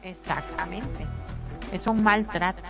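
An earnest woman hosts a talk program and walks through relationship troubles point by point, repeating herself for emphasis. Her voice sits at a middle pitch. Music plays clearly behind her throughout. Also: slow pace. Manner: earnest, lists points in long repetitive runs. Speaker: radio talk show host. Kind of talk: casual advice talk. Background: background music.

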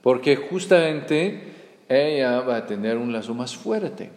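A man preaches at an unhurried pace, often checking with his listeners as he goes. His voice sits at a middle pitch. It rings out with the long reverb of a large, echoey hall. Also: expressive, a little mellow. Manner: conversational, with frequent tag questions. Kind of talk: sermon.

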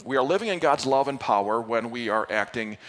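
A man's voice: medium pitch, lively intonation, brisk, a bit bright, in a large hall. A male pastor giving an earnest Sunday sermon to his church, with playful asides. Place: church sanctuary.

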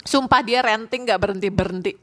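A woman's voice: medium pitch, brisk, a bit bright. A young woman tells a dating story on her podcast in a loose, slangy way. She laughs easily and mixes English phrases into her talk. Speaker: podcast host. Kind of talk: casual storytelling chat.

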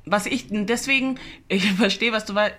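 A woman's voice: medium pitch, normal speed, pushed and bright. A young woman with a mid-range voice chats casually with friends. She laughs a lot and mocks herself. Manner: laughing, self-mocking. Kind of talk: casual chat.

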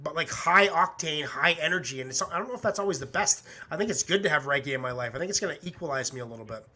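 Bright-voiced, high-pitched male host. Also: expressive, fast talker, slight background noise. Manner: rambling, swears constantly, laid-back. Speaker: podcast host reacting to music. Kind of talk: casual live-stream chat.

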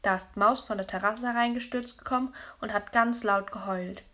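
A woman narrating a children's audiobook as a young girl telling her own story. Her telling is lively and chatty, with a mid-range voice. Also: medium pitch, moderate pace. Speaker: audiobook reader.

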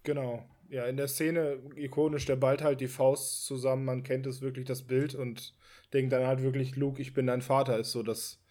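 Hesitant male chat guest, mid-pitched, lots of fillers. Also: level tone, normal speed, mellow. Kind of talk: casual chat.

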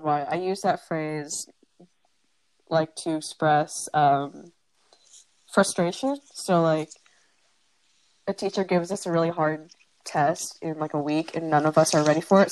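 A woman's voice: deep voice, slight background noise, poor audio. A teenage girl co-hosting a casual podcast on a headphone mic, explaining inside jokes with dry teasing. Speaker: podcast co-host. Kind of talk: casual chat.

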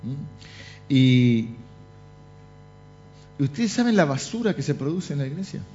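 A man's voice: a little high, measured pace, slight background noise. A middle-aged man with a Rioplatense Spanish accent, preaching in a church and telling humorous stories with jokes and asides. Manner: animated storytelling with jokes and asides. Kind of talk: humorous sermon anecdotes. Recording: dull lo-fi sound with faint music.

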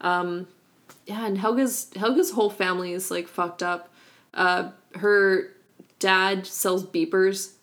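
A woman's voice: mid-range voice, fairly even intonation, takes it slowly, fairly bright tone. A young woman chatting casually as a podcast co-host, filling her talk with "like" and "um". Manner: chatty, many fillers of like and um. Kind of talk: casual chat about a cartoon.

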